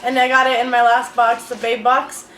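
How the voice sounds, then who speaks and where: A woman's voice: fairly high pitch, completely flat delivery, normal speed, a bit bright. A young woman vlogging at home, chatting casually about beauty products with lots of fillers. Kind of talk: casual unboxing chat. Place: room at home. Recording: echoey room, faint noise.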